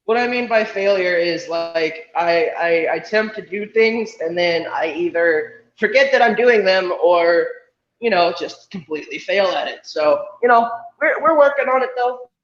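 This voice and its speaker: A man's voice: sits high, expressive, normal speed, fairly bright tone. Young man echoing as if inside a well. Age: 20s. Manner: self-deprecating, rambling. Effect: echoey sound as if inside a well. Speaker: livestream guest. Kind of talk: casual chat. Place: hotel room on weak Wi-Fi. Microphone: video call. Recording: echoey, dull lo-fi call audio.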